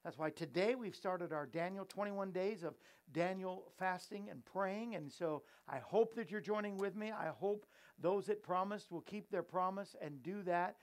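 A male host with a voice that sits high talks at a normal speed, casually chatting and joking with his crew and viewers. His manner is easygoing and playful.

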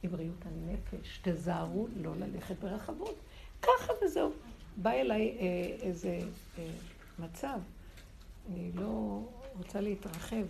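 A woman giving a spiritual morning class, telling stories and acting out quotes with sudden high jumps in her voice. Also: lively intonation, creaky, a little mellow. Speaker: spiritual teacher.

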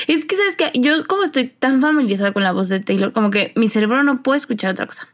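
A woman's voice: a little high, expressive, a little fast. A Mexican woman co-hosting a podcast, chatting casually with plenty of slang and swearing. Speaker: podcast co-host. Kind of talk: casual chat.

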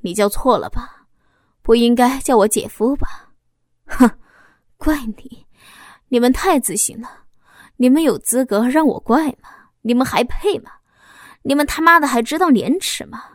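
A woman's voice: medium pitch, expressive, normal speed, pauses often, close to an everyday voice. A woman reading the lines of a cold, scornful husband, icy and cutting in a storybook reading. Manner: icy and scornful, sharp bursts of anger. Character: cold, contemptuous husband, middle-aged man.

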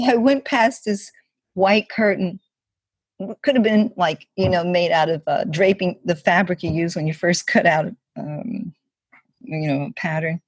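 Husky older woman telling a story. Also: lowish voice, a little slow, dry recording. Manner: chatty, many "like" and "you know" fillers, acts out quotes. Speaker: interviewee. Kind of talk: casual storytelling.

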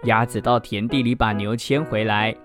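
A man hosting a children's literature show and reading a picture book aloud in a lively, expressive way. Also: fairly low pitch, normal speed. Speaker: podcast host and storyteller. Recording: music bed under voice. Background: background music.

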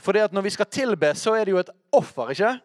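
A preacher teaching on worship gives a conversational sermon in a high voice with wide pitch swings and lively intonation. He addresses listeners directly, checking in with short questions. The audio is close and dry, with no sense of a room.

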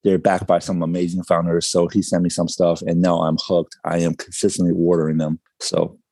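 Male startup founder, interview guest: confident, informal pitch delivery, mellow low tone, very dry sound. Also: completely flat delivery, a little fast, dry recording. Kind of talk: conversational interview answers.

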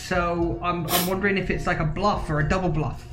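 A man's voice: high-pitched, fairly even intonation, brisk, over music, rough recording. A man playing along in a gamebook, chatting casually and thinking aloud. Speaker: player. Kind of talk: casual chat.

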